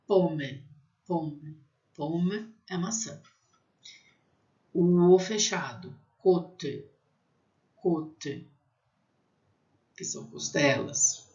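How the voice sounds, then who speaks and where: A teacher giving a pronunciation lesson, spelling out letters and repeating each word slowly. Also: mid-range voice, a little mellow, lo-fi sound.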